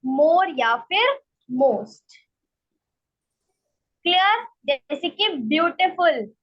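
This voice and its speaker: A woman teaching an online English grammar class, explaining slowly and step by step and often checking that students follow. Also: extremely high pitch, sing-song. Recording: dull lo-fi online class audio.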